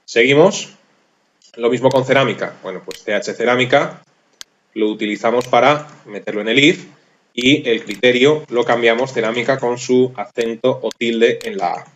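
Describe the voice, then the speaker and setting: A man's voice: mid-range voice, moderate pace, fairly bright tone, lo-fi sound. Methodical man narrating a screencast. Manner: methodical, thinks aloud, self-deprecating about his typing. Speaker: programming course instructor. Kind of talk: screencast tutorial walkthrough.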